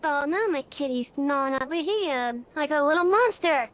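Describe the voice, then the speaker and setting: A woman's voice: sits high, moderate pace. A streamer in casual, rambling chat with many fillers, her voice run through an AI voice changer. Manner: rambling, chatty, frequent fillers.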